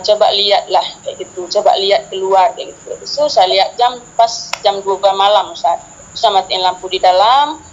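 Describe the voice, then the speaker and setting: A middle-aged woman from Aceh, earnestly telling a personal testimony to a religious teacher, with many fillers. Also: mid-range voice. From Aceh, Indonesia. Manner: earnest, addresses the host as Ustaz constantly, many fillers. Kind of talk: earnest storytelling. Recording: dull lo-fi sound with faint noise.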